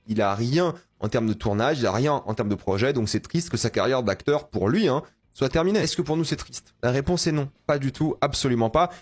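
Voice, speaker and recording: A man giving blunt, matter-of-fact commentary to camera. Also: medium pitch. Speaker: entertainment news commentator.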